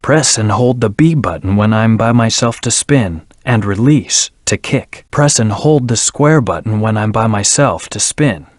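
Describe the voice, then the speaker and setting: A man voicing a brooding, arrogant hedgehog antihero in a video game, with a haughty, clipped, deliberate delivery. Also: on the low side, animated, no room sound, clean studio sound. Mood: cool, instructional.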